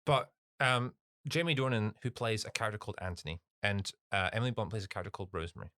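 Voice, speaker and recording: A man co-hosting a podcast, chatting casually about a film in an animated, rambling way. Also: on the low side, fast talker, no echo, studio quality. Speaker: podcast co-host. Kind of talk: casual film review chat.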